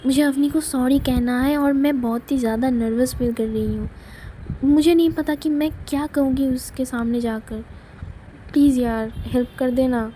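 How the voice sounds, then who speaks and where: A jittery young woman, put on by a woman narrator who pleads in a rush, high-pitched and soft-toned. She frets aloud in a told love story. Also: steady tone, moderate pace, slight background noise, natural voice. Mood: flustered. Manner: frantic, pleading. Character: flustered anxious young woman, Samira.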